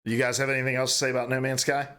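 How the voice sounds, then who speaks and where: A man's voice: mid-range voice, completely flat delivery, racing, bright, forceful tone. A man hosting a casual gaming podcast, running a quiz segment with joking game-show patter. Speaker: podcast host.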